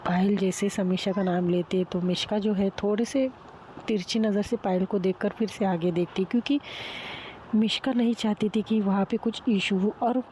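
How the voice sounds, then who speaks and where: A woman's voice: mid-range voice, fairly even intonation, moderate pace, mellow, a little hiss or hum. A woman narrating a love story in a chatty, conversational way, voicing each character's lines herself and turning aside to speak to her listeners. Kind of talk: storytelling narration with voiced dialogue.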